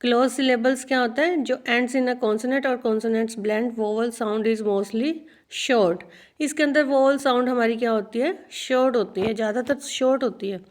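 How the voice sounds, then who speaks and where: Woman teaching slowly. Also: a little high. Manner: repeats words slowly, addresses students as children. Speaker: English teacher. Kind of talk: teaching a video lesson.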